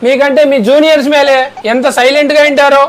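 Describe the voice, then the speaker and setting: A man's voice: very high voice, little pitch movement, quick pace, pitched above the performer's own voice. A man playing a strict female maths teacher who scolds a noisy class. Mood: scolding. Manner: scolding, bossy.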